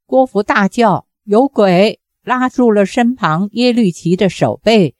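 Slow, steady woman narrator. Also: medium pitch, no room sound, clean studio sound. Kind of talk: reading a martial-arts novel aloud.

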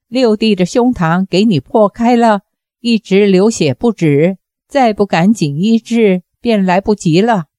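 A woman voicing a brash, quarrelsome male martial-arts brother who bickers bluntly in a slow, mellow storybook reading. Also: mid-range voice, dry recording, clean studio sound, lightly acted. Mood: bickering.

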